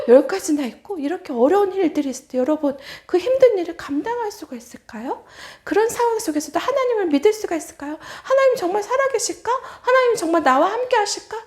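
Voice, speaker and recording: A woman's voice: very high-pitched, a little mellow. A woman evangelist giving a children's sermon, telling the story with animation and asking the children questions.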